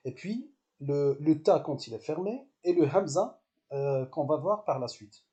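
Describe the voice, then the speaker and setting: A man teaching a language lesson, explaining step by step with patience, repeating syllables slowly and pausing with hesitant fillers. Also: fairly high pitch, animated, warm tone.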